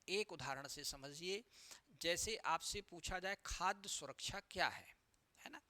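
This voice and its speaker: A man giving an explanatory lecture as an interview coach, often tagging his sentences with a questioning "right?" and spelling out abbreviations slowly. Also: on the high side, bright, forceful tone, dry recording. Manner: repeats "है ना" as a tag.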